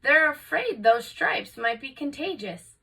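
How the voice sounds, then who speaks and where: A woman's voice: high-pitched, lively intonation, unhurried, creaky, pushed and bright, distant mic, heavily acted. A woman voicing an apologetic but firm male school principal in a storybook, regretful and formal.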